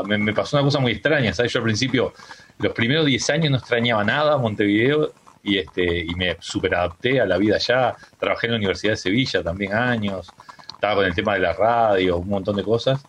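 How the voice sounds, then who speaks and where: A middle-aged man with a Uruguayan accent joins a casual radio interview as a guest over a remote call on a home microphone. He rambles loosely with many restarts, his voice on the low side, fairly quick and fairly bright. A little hiss or hum is audible.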